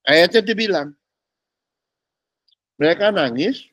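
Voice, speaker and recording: Male pastor, touches, casual teaching, animated pitch, dry close sound. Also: slow pace, no room sound. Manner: chatty, slangy, asks listeners if they follow.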